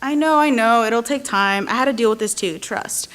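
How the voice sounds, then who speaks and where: A young woman playing a supportive college friend who talks gently and frankly. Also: fairly high pitch, normal speed, clear, resonant tone, close to an everyday voice. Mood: reassuring. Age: young adult. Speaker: student acting in a skit.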